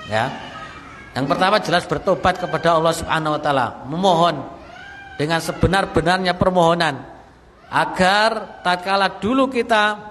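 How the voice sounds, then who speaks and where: High bright-voiced preacher. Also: male voice, big-room sound, slight background noise. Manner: recites Arabic text then explains it plainly, repeating phrases. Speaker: Islamic teacher. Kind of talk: mosque study lecture. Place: mosque.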